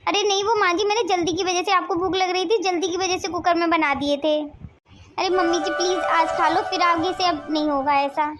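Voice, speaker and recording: Cartoon: dutiful young daughter-in-law, very high, pleading tone. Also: female voice, fairly even intonation, moderate pace, over loud music. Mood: apologetic. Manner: apologetic, pleading.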